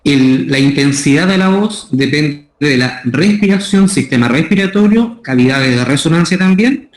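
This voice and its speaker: In an echoey school room, a man with a Chilean Spanish accent lectures on voice care, methodically explaining and repeating his key terms as a workshop instructor. His voice is a little high, with lively intonation at normal speed.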